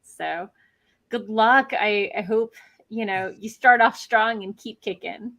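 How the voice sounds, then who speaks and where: A woman's voice: mid-range voice, takes it slowly, a bit bright. A middle-aged woman hosting a casual livestream, chatting and cheering on viewers' comments. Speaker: livestream host. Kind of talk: casual chat.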